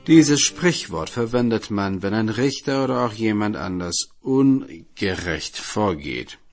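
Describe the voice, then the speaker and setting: A man narrating a folk tale on a radio program in an even, explanatory reading. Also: lowish voice, unhurried, faint music behind. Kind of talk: scripted radio storytelling.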